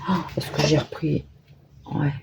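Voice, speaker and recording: Whispering in a deep, level voice with vocal fry, this woman craft vlogger talks at a measured pace as she works on an art journal page. Her casual commentary wanders aloud, full of hesitations and little jokes at her own expense.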